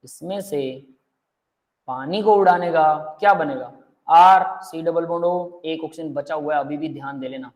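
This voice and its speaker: A male chemistry teacher giving a relaxed live lesson, going step by step and checking often that students follow. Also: a little high, unhurried. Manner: explains step by step, keeps checking the class understands; relaxed and friendly, calls students "beta" and "bhai". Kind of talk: live online chemistry lecture.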